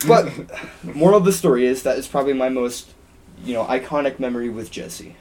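Young guy rambling thru a story on a podcast, lots of ums, middle pitch. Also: animated, fairly quick, a little mellow, slight background noise. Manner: rambling, with frequent ums and restarts. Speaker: podcast co-host. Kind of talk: casual storytelling chat.

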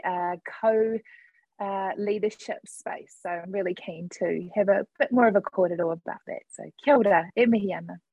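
A woman's voice: medium pitch, darkish tone, dry recording, rough recording. A woman with a New Zealand accent, talking conversationally as a panel guest and mixing in Māori words. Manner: mixes Māori words and greetings into speech. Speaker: panel guest, coalition co-chair.

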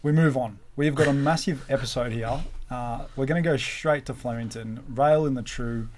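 A man's voice: medium pitch, normal speed, darkish tone, slight background noise. Host, young Australian man, casual cheeky banter, mid-range voice. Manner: cheeky, teasing, laid-back banter. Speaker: podcast host. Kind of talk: casual podcast chat.

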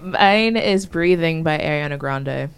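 A woman's voice: sits low, unhurried, slight background noise. A young woman co-hosting a podcast with informal, teasing banter in a casual style. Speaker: podcast co-host. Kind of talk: casual chat.

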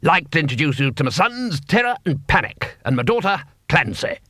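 A man's voice: fairly high pitch, sing-song, moderate pace, bright, forceful tone, no room sound, studio quality, pitched above the performer's own voice, heavily acted. A man voicing a hearty, fatherly male War who talks in a bluff, cheerful and chatty way. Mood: jovial.

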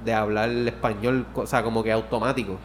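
A man's voice: lowish voice, level tone, fairly quick, slight background noise. Rambling man chatting. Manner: rambling, swears often, restarts mid-sentence. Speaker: podcast co-host. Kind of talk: casual chat.

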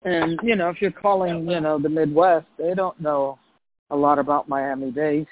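Casting: middle-aged male DJ from Puerto Rico, chatty and relaxed, slightly high voice, narrow phone-like sound. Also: normal speed. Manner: relaxed, chatty, many "you know" fillers. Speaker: DJ and former record label marketing director. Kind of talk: conversational interview answers.

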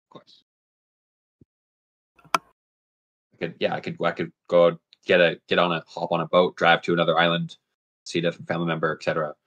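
A man's voice: deep voice, monotone, fairly quick, pauses often, fairly bright tone, muffled recording. A man in a casual discussion, easygoing and agreeable.

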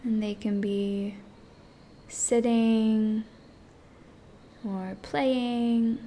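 A woman leading a guided meditation in a soft, hushed, partly whispered voice, speaking in short phrases with long pauses. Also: a little high, fairly even intonation, a little hiss or hum.

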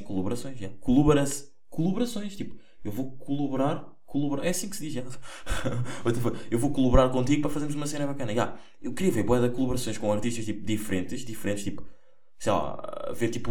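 A young man with a European Portuguese accent talks through his solo podcast in a loose, rambling way. He often trips over words, corrects himself and swears casually. His voice sits at an ordinary middle pitch and sounds roomy and echoey. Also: a little mellow. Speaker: podcast host.

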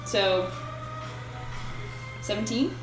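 A woman's voice: mid-range voice, drawn-out words. A woman playing a tabletop role-playing game and chatting casually with the table. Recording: echoey room with clear background music.

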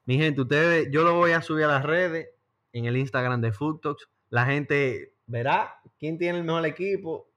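A man's voice: a little high, unhurried, fairly bright tone, muffled recording. A man with a Dominican accent hosting a casual sports chat, slangy and repeating phrases for emphasis. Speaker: podcast host.

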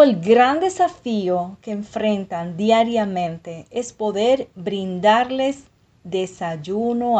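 A woman hosting a podcast, giving a measured, gentle scripted narration. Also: medium pitch. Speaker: podcast host.

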